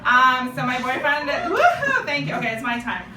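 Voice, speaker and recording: The young stand-up comic, from Japan and a first-language Japanese speaker, keeps up self-deprecating chatter and banter with her live club audience. She sounds very animated in a high voice at a moderate pace. The recording is roomy and distant, with a noisy background.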